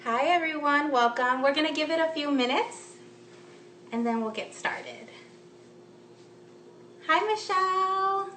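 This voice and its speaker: A woman's voice: high voice, animated, measured pace, long pauses, sharp tone, a little hiss or hum. A woman in her thirties from the United States, chatting upbeat with lots of ums as she hosts a live cooking demo from her home kitchen. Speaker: cooking instructor. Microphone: phone camera propped close. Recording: roomy, slightly distant phone audio.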